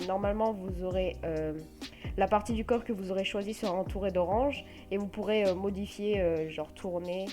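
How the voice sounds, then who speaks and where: A woman with a French accent hosting a casual software tutorial, explaining step by step with many hesitant fillers. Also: mid-range voice. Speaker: tutorial host.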